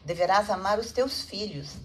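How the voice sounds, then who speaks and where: A woman voicing a gentle, serene male teacher who speaks in a tender, solemn and poetic way. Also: sits high, moderate pace, a little hiss or hum, natural voice.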